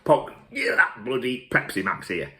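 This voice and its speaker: A boisterous man rants to camera as the host of his own show, rambling and swearing freely. His pitch swings all over the place, leaping high and dropping low. He sits at a middling pitch for a man. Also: huge pitch swings, moderate pace, pushed and bright. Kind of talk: comic rant to camera.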